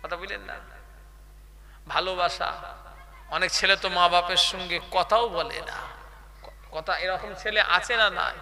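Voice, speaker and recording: A man's voice: sits high, fairly even intonation, measured pace, pauses often, sharp tone, in a large hall. A man preaching a waz sermon, chatty and quizzing the crowd with questions.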